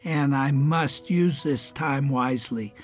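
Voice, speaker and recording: On his radio program, an older man from the US reads a prepared letter in a mid-range, raspy voice that comes across a bit strained and unclear. He's grave and deliberate, giving weight to each item he lists, with faint music in the background.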